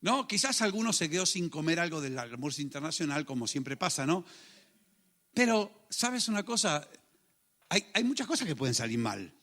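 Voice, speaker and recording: A fairly high-voiced man, preaching to his church as its pastor. He leads fervent prayer, repeating lines over and over and swinging from hushed to loud. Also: big pitch swings, normal speed. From Spain. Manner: fervent, repetitive prayer lines, rises and falls between soft and loud. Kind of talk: sermon leading into prayer.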